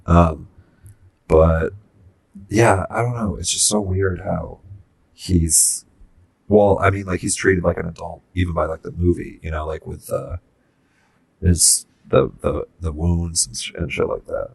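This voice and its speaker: A man co-hosts a casual film podcast, his low, gravelly voice breathy at the edges and fairly even in intonation. He rambles through his points in a halting way, restarting often and using many fillers.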